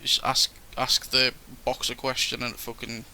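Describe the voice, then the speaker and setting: A man's voice: medium pitch, completely flat delivery, moderate pace, bright, forceful tone, a little hiss or hum. A young man with a Sunderland accent, co-hosting a podcast and rambling through ghost stories with lots of swearing and laughter. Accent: Sunderland (Mackem). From Sunderland, England. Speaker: podcast co-host. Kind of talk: casual chat about ghost stories.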